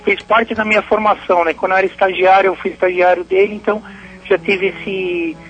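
Man, phone caller, over the phone, high-pitched, hesitant, muffled line. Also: flat delivery, brisk, fairly bright tone, husky, soft background music. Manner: hesitant, ends phrases with "né?". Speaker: radio show caller.

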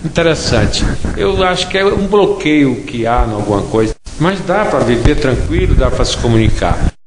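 A man's voice: medium pitch, slight background noise. A man from Brazil with a Brazilian Portuguese accent, telling a story in casual chat and often adding tag questions. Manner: chatty, frequent tag questions. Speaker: interviewee. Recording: echoey hall with faint ambience.

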